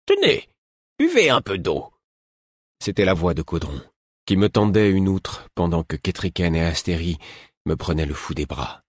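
A man narrating a storybook with a steady, measured reading. His voice is very low and husky, and the recording is close and dry with no room sound. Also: no room sound. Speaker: audiobook narrator. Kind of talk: scripted narration.

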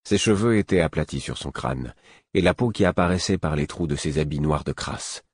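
A man narrates a first-person fantasy novel in a very low, husky voice. His delivery is measured and even. The close, dry recording has no room sound. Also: no echo. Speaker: audiobook narrator.

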